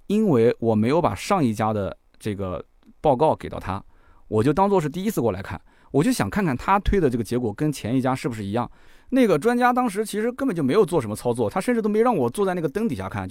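A man's voice: mid-range voice, no room sound, clean studio sound. A man, a car vlogger, casually tells a personal story and acts out the doctors he spoke with. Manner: animated, acts out the doctors' lines.

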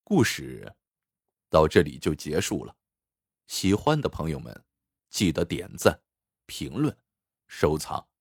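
A man narrating a folk story for listeners in an expressive storytelling manner. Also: extremely low pitch, slow pace, vocal fry, pauses often, husky, no room sound, studio quality.

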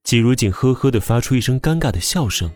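A man narrating an audiobook drama with expressive storytelling. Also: mid-range voice, fast talker, faint music behind.

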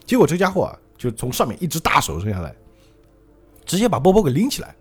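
Animated man retelling a story. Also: on the high side, fast, slightly rough, faint music behind. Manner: lively, acting out every line. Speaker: podcast host.

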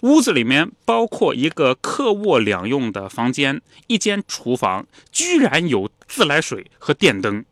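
A man co-hosting a podcast, narrating a story in a chatty, animated way. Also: mid-range voice, a little slow, few pauses, dry recording, studio quality.

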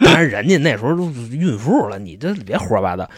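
A man tells chatty, slangy stories at a quick clip, his pitch bouncing up and down. He keeps asking his listener "you know?" The recording is close and dry. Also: big pitch swings, breathy edge, dry recording. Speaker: podcast host. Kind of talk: casual storytelling chat.

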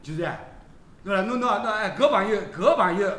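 A man's voice: sits high, brisk, roomy sound. A man with a Shanghainese accent, a sports commentator hosting a casual chat in a restaurant, laughing often as he tells stories. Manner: animated, laughing often, storytelling. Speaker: sports commentator and show host. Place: seafood restaurant.

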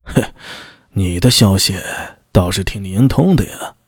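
A man playing a measured county magistrate. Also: low-pitched, slightly rough, no room sound, studio quality, pitched below the performer's own voice, full character voice.

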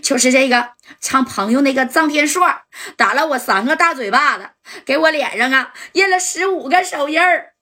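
A woman's voice: high-pitched, expressive, moderate pace, pushed and bright. A woman voicing a weepy, demanding young woman, who pleads in a whine. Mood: whiny. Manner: whiny, pleading.

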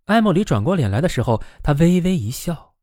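Lively male novel narrator. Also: brisk, dry recording, clean studio sound. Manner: lively, voices the quoted characters with raised pitch. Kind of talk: audiobook reading of a novel.

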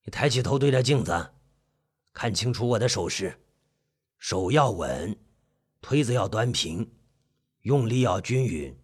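Gruff old uncle, voiced by a man: hoarse, very deep, slow and scolding. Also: animated. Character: old village uncle, gruff, stern barber.

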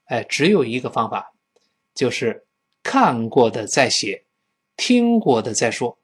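Lively male English teacher, husky voice. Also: medium pitch. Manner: lively, acts out dialogue lines in a raised voice. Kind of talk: spoken English lesson.

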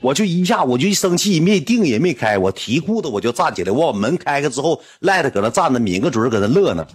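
A man with a Northeastern Chinese accent telling a comic personal anecdote in an animated, rambling, indignant way. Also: mid-range voice, fast talker, slightly rough. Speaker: storyteller.

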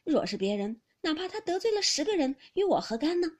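A woman's voice: high voice, very animated, fairly quick, voice pushed up. Woman voicing an earnest, pleading young nobleman. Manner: pleading, anxious.

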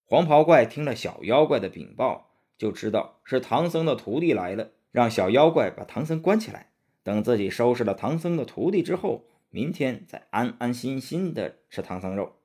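A man narrating a children's story in an animated, expressive way. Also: medium pitch, normal speed, slightly rough.

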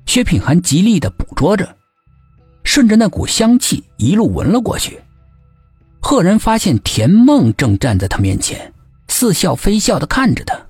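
A husky-voiced man narrates a suspense mystery with an animated, rising-and-falling delivery, pitched slightly high. The recording is dry and close, with a faint music bed underneath. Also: normal speed, dry recording. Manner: lively, expressive storytelling. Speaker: audiobook narrator.

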